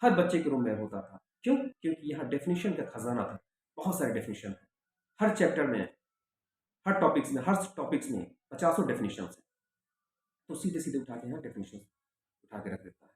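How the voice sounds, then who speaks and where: Speaking briskly in a mid-range voice with big pitch swings, a middle-aged man who teaches sociology lectures students with direct, repetitive advice, hammering points home with emphatic reminders. Faint background noise accompanies heavy echo in the room.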